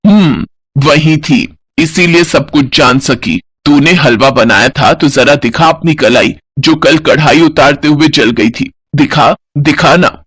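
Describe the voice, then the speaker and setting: A man's voice: medium pitch, expressive, measured pace, a bit bright, slightly rough, no echo, voice pushed down. A man voicing a stern middle-aged mother-in-law in a storybook cartoon. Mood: scolding. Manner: scolding, firm.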